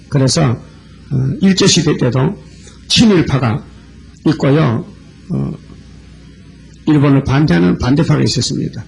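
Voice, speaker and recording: A man's voice: mid-range voice, creaky, a little mellow, a little hiss or hum. A man preaching a sermon, reading scripture verses aloud and explaining them one by one. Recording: old lo-fi church sermon tape.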